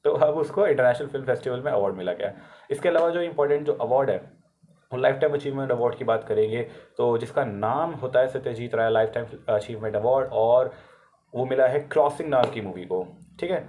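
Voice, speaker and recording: A man with an Indian accent and a sore throat explains current affairs for exam students, chatting casually and correcting himself as he goes. He mixes Hindi with English. His voice is medium-pitched, a little mellow, and fairly quick.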